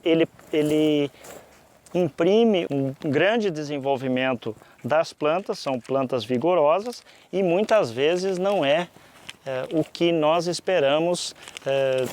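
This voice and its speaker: A man from southern Brazil with a southern Brazilian accent, presenting an explanatory lesson to viewers in a didactic, deliberate way with frequent pauses mid-sentence. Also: on the high side, a little mellow. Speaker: presenter of a fruit-growing lesson.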